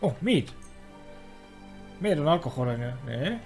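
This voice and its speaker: A man's voice: a little high, sing-song, a little slow, darkish tone, faint music behind. Chatty man commenting on a game. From Estonia. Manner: chatty, jokey, thinking aloud. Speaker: gaming streamer. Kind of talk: casual let's play commentary.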